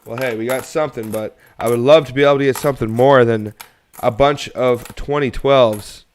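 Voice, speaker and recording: A man's voice: mid-range voice, fairly even intonation, normal speed. A young man from Canada hosting a coin roll hunting livestream, chatting casually and rambling to viewers as he sorts coins. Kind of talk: casual live-stream chat while sorting coins.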